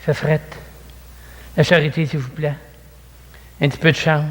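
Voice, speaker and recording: A man's voice: fairly high pitch, flat delivery, moderate pace, lightly acted. A man with a Québécois accent voicing Bartimaeus, a blind male beggar who pleads for change and then cries out desperately, in an echoey church hall. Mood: pleading mumble. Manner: begging mumble, then crying out loudly.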